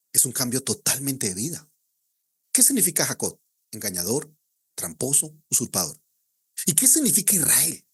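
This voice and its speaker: Picture a male pastor preaching with a husky, slightly breathy voice. His pitch rises and falls a great deal, dropping low and quiet before climbing back up into emphatic points. He fires rhetorical questions at his listeners and answers each one himself. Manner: swings between hushed low passages and raised emphatic ones. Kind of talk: sermon.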